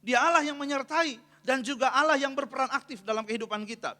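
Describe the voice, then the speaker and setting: Very high-pitched, fast, bright and forceful, a man preaches as pastor in a church hall with long reverb. He throws questions to the congregation and frequently lets them complete his sentences.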